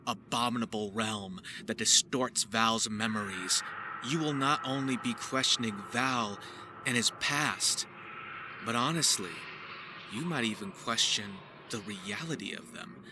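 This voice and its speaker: Presenting his voice acting work, a man performs a theatrical, scripted narration in ornate language. He speaks unhurriedly in a mid-range voice, with faint background ambience.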